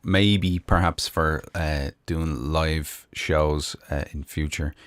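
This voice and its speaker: Rumbling low and steady, this Irish-accented man speaks at a slow pace while hosting a live music stream from his Michigan home room. He chats casually with lots of ums and uhs, and the close-miked recording has no echo.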